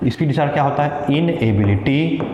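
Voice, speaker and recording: A man's voice: a little high, lively intonation, normal speed, noisy background. A male teacher giving an exam-prep lecture in Hindi with a Chhattisgarh accent, repeating key terms, mixing in English words and asking questions that he answers himself. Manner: asks the class questions and answers them. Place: classroom. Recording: echoey lo-fi classroom recording.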